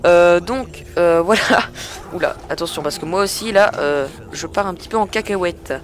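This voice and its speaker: Speaking at a moderate pace with a medium-pitched voice, a gamer offers chatty commentary over a truck-driving game through a headset mic. This truck-simulator commentator hesitates a lot, uses plenty of filler sounds, and often grumbles at other drivers.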